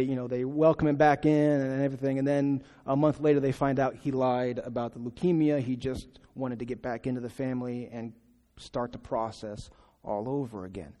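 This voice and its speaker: A man giving a sermon in a conversational, halting way, often restarting his sentences. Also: mid-range voice, mellow. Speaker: pastor. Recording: long reverb of a large hall.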